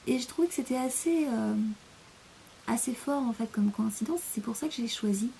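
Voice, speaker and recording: A woman's voice: a little high, expressive, moderate pace, vocal fry, warm tone, a little hiss or hum. A young French woman chatting in a casual rambling monologue, hesitant, with many fillers, often sinking to a near-whisper. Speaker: vlogger.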